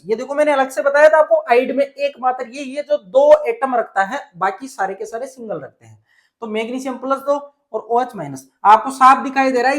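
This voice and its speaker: A man's voice: very high voice, fairly bright tone. A male teacher from Rajasthan explaining a chemistry lesson step by step, often asking a question and then answering it himself. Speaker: science teacher.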